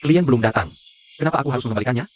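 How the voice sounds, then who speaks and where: A man's voice: medium pitch, very fast, muffled recording, natural voice. A man dubbing a businessman and boss who speaks curtly. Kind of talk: Indonesian dub of a drama series.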